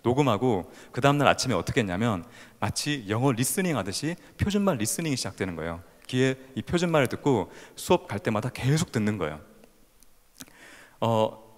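A man in his thirties, his Seoul speech still carrying a Gyeongsang edge, tells his story on stage with a lively, swinging pitch. He acts out each moment as he goes. The sound rings with the long reverb of a large hall. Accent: Gyeongsang-tinged Seoul Korean. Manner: animated storyteller acting out scenes. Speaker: speaker at a youth festival talk.

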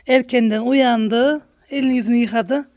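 A woman vlogging about her village life, chatting warmly with her viewers and calling out to her animals in a high coaxing voice outdoors. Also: steady tone, normal speed. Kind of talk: casual vlog narration to viewers. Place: outdoors at a village farmyard and garden.

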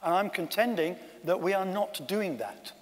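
A man's voice: high-pitched, lively intonation, normal speed. A man giving a conference talk with wry, self-deprecating asides. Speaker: conference speaker. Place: conference room. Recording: long hall reverb.

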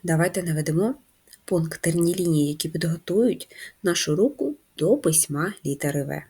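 A woman teaching a handwriting lesson to first graders, patient and slow, guiding the children step by step. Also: on the low side, mellow, husky. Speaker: primary school teacher.

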